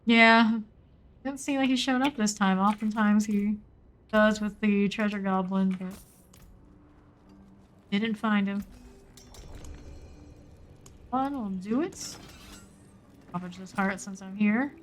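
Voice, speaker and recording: A woman's voice: mid-range voice, fairly even intonation, slow pace, long pauses. A woman giving casual live gameplay commentary, muttering in short clipped fragments as she thinks aloud. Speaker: game streamer.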